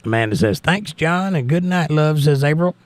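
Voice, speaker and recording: A man's voice: a little high, expressive, moderate pace. An American man with a crackly voice chats casually as a livestream host, reading out messages and thanking people in a folksy way. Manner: folksy, thanking and blessing listeners. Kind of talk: casual live chat, reading out viewer messages.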